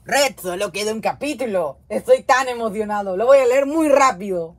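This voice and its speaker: A performer voicing an excitable young yellow bird who talks in a giddy, eager way. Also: medium pitch, a little fast, slightly rough.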